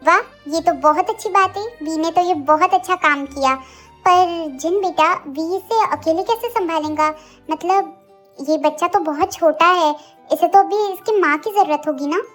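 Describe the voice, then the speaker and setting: A kindly older aunt who speaks slowly and gently, voiced by a woman narrator. The voice stays very high over soft music in the audio story. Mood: gentle.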